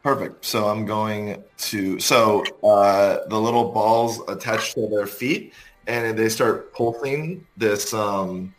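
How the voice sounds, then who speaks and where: A man playing a tabletop role-playing game, describing his character's actions haltingly with many pauses and fillers. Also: fairly low pitch. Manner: hesitant, full of ums, describes actions slowly. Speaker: player.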